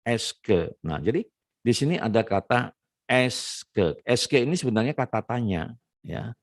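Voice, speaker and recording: A man teaching a relaxed classroom lesson, explaining step by step and dropping frequent "ya" and "nah" fillers. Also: medium pitch, no room sound, studio quality. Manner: explains slowly, peppers phrases with "ya" and "nah". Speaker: French teacher.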